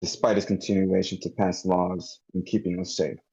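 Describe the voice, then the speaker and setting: A man reading a deep, well-spoken narrator. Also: little pitch movement, warm tone, breathy edge, dull audio. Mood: solemn. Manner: measured, formal documentary-style delivery. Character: well-spoken male narrator, late thirties. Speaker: volunteer reader at a script table read. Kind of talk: table read narration. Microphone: computer mic in an online meeting.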